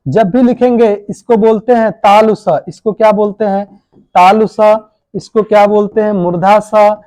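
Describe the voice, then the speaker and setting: Speaking at a normal speed with fairly even intonation, a coaching teacher's high-pitched, slightly mellow voice comes through a dry recording. His exam-prep lesson covers correct spelling, and he answers his own questions while calling the class "babu" and "bhai."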